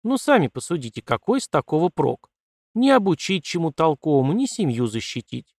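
A man voicing a bold, quick-tongued young woman, a colonel's daughter, in a defiant, mocking manner in a dry recording. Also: a little high, big pitch swings, darkish tone, no echo, pitched above the performer's own voice. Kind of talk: audiobook character voice.

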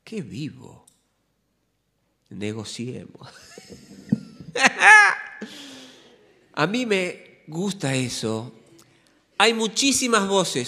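Lively Rioplatense pastor in a reverberant church. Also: male voice, fairly high pitch. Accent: Rioplatense Spanish. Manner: lively, conversational preaching with humor and rhetorical questions. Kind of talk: sermon. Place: church sanctuary.

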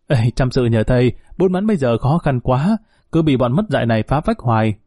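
Blustering shopkeeper, read by a man, quick and fawning, mellow dry voice. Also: medium pitch, expressive, dry recording, lightly acted. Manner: fast, blustering, wheedling.

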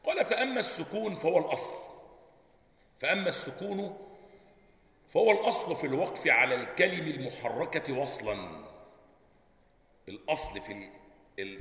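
A man's voice: medium pitch, bright, forceful tone. A man with an Egyptian accent, reading from a classical text and explaining it to students, often asking whether they follow. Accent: Egyptian Arabic. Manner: reads a passage, then explains it colloquially with frequent checks on the listeners. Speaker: sheikh teaching Quran recitation. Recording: echoey hall.

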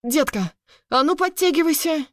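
A woman voicing a smug, menacing man who barks orders in an audiobook, a little higher than her own voice. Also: lively intonation, measured pace, no room sound, clean studio sound. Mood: shouting. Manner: barking, forceful.

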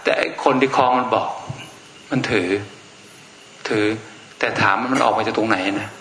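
A man's voice: fairly low pitch, steady tone, normal speed. Blunt male monk in an echoey room. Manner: blunt and outspoken, with frank everyday speech. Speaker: Buddhist monk. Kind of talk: informal Dharma talk. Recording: echoey room with faint noise.

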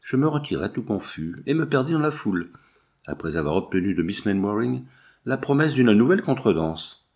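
A man with a low voice reads a classic novel aloud as scripted narration. His pitch moves in wide, lively curves, giving the literary prose an ironic, expressive lift. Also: a little fast. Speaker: audiobook narrator.

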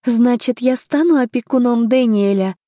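A woman's voice: on the high side, normal speed, warm tone, no echo, clean studio sound, voice pushed up, natural voice. A woman voicing a determined young noblewoman. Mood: earnest. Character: young noblewoman heroine, twenty, determined and polite.

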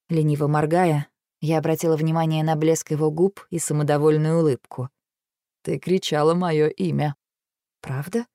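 Calm woman reading a novel out loud, lowish mellow voice. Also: no echo, studio quality. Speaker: audiobook narrator. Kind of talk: scripted first-person narration.

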